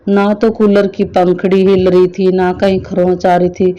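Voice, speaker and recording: A middle-aged woman sharing a devotional personal testimony in an earnest, halting storytelling manner. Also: lowish voice, monotone, dark tone, highs cut off.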